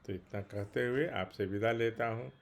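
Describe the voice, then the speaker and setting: A man speaking as a spiritual teacher in a daily talk, earnest and emphatic, repeating key phrases and reciting slow chant-like invocations. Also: lowish voice, gravelly.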